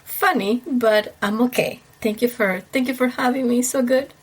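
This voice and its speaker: A woman from Ecuador with an Ecuadorian Spanish accent, a native Spanish speaker, chatting as a podcast guest, slightly stuffy from allergies, warm and full of fillers and laughs. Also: fairly high pitch, normal speed, husky. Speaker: guest, wedding planner. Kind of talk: casual podcast interview.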